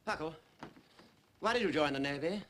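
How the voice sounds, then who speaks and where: An actor playing a combative naval prosecutor, sarcastic and quarrelsome. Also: male voice, a little high, animated, moderate pace, a bit bright, a little hiss or hum. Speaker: prosecuting officer.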